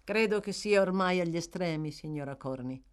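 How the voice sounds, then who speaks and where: A woman voicing a young male apothecary's apprentice who speaks in a calm, matter-of-fact way. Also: on the low side, moderate pace, clean tone, close to an everyday voice. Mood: offhand.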